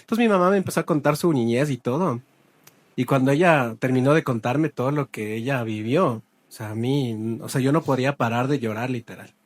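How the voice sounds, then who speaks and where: A man's voice: medium pitch, fairly quick. A man co-hosting a church podcast, telling an earnest personal story in casual conversation. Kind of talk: casual chat.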